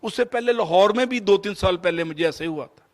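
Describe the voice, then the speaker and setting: Man, fifties, Pakistani Urdu accent, motivational speaker, storytelling lecture, English phrases mixed in. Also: high-pitched. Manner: mixes English phrases into Urdu, shifts between loud and soft.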